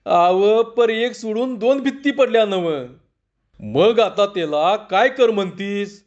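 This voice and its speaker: A man putting on a shrill frantic village wife. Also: slow, darkish tone, muffled recording. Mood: pleading. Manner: shrill scolding in rural dialect.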